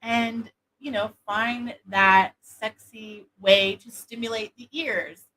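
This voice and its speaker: A woman hosting a casual product demo, talking in a soft, sultry voice with many fillers. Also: fairly high pitch, steady tone, slow, slight background noise, rough recording. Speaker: host of an intimacy product show.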